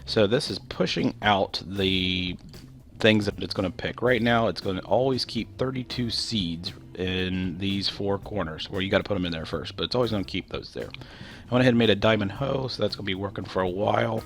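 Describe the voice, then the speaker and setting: Nasal from a cold, a man casually narrates a game walkthrough, rambling loosely and leaning on lots of fillers. He speaks at a normal speed with a fairly low, creaky voice.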